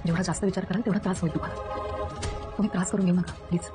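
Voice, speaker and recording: A woman playing a calm, reassuring young wife. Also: on the low side, racing, lightly acted. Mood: gentle. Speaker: serial character. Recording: distant TV clip with background music. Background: background score.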